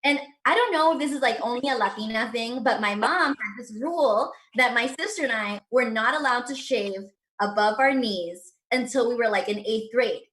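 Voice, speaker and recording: A woman doing a stand-up set over a video call, telling a story quickly and peppering it with "like" and "right?". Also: a little high, a bit bright, echoey room, low-quality recording. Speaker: stand-up comedian.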